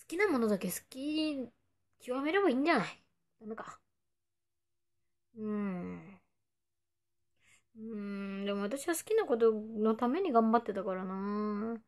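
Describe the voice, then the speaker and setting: Chatty young woman idol, slightly high. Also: darkish tone. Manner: chatty and playful, sometimes dropping to a whisper. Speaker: idol streaming to fans. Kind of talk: casual livestream chat reading viewer comments.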